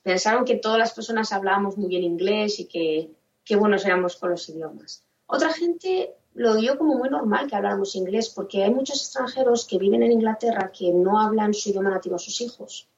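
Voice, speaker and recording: A woman's voice: mid-range voice, a little fast. Woman on a distant, roomy, dull line. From Spain. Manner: conversational, thinking aloud with restarts. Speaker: podcast guest, parent and author. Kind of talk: casual podcast chat.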